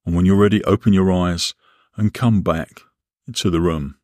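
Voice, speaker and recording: Deep-voiced man guiding a relaxation exercise. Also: fairly even intonation, a little mellow, dry recording, studio quality. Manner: measured, instructional, with deliberate pauses. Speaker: guided visualisation instructor. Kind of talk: guided relaxation and visualisation narration.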